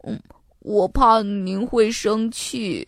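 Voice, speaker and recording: A woman reading a storybook aloud and voicing an anxious young boy who pleads and hesitates with drawn-out fillers. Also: medium pitch, expressive, dry recording, clean studio sound. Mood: worried. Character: young schoolboy, anxious and sheepish.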